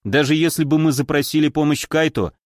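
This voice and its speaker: A man reading a first-person audiobook aloud, with lively, wry storytelling. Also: fairly high pitch, fairly quick, no echo, clean studio sound. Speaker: audiobook narrator. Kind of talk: scripted first-person narration.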